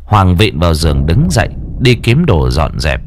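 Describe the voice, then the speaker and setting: A man's voice: low-pitched, a little hiss or hum. A man narrating a horror audiobook, drawing out words to build suspense. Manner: expressive, drawn-out for suspense. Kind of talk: dramatic horror story narration.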